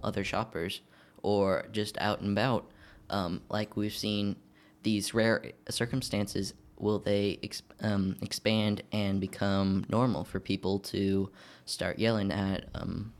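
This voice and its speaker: A man's voice: fairly low pitch, fairly even intonation, measured pace. A man hosting a casual podcast discussion, talking hesitantly with many fillers. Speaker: podcast host.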